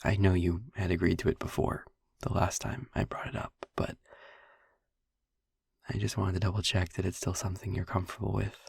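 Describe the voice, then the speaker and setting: Speaking as a gentle, wistful vampire boyfriend, youthful and haunted by the past, a man delivers an intimate audio roleplay in a husky, breathy, gravelly low voice. The mood is gentle and reassuring, the manner tender and hesitant, slow with pauses, yet the delivery is flat. It is heavily acted and recorded dry at studio quality on a close mic.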